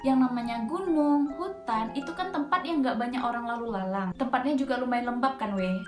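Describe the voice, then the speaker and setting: Speaking a little high and a little fast, a young storyteller host with a Medan Indonesian accent, from Medan itself, spins a mountain ghost story in a casual horror style. Her talk is chatty and slangy and full of filler words, recorded in an echoey room with music behind her.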